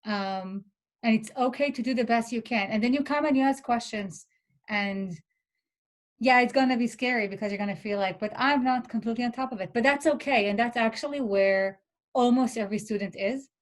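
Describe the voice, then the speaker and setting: A graduate student instructor leads an online workshop over a video call, giving reassuring, chatty advice peppered with "like." English is not her first language. Her voice is a little high and a little fast.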